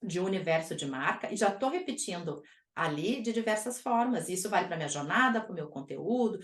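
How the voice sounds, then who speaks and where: A woman hosting a podcast, chatting casually with an energetic, emphatic delivery. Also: on the low side, fairly quick. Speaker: podcast host. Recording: echoey room.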